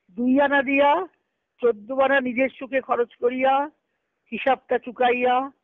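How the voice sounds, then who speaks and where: Reading letters aloud on a group conference call, a spiritual discussion speaker explains them didactically and repeats phrases. Her voice is fairly high. The tinny, band-limited phone line carries no room sound.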